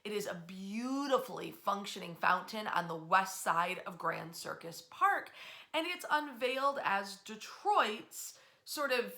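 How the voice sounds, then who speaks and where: With a medium-pitched voice carrying some vocal fry, a woman presents a laid-back history storytelling talk. She talks conversationally, breaking off into animated asides and using pointed pauses.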